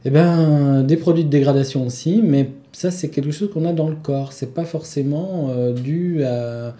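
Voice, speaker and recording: A man's voice: a little high, normal speed, warm tone, echoey room. A male doctor as a radio guest, explaining patiently with small hesitations.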